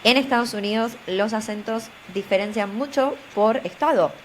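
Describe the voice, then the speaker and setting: Appearing as a guest on a video call interview, a young Argentine woman with a Buenos Aires accent offers earnest, motivational career advice, often repeating phrases to drive her points home. Her voice is fairly high at a normal speed, and the poor audio carries a little hiss or hum.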